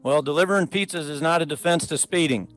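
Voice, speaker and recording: A man's voice: on the high side, fast talker, fairly bright tone, soft background music. A man presiding as a judge in a remote traffic hearing, talking plainly and courteously through procedure. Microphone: video call.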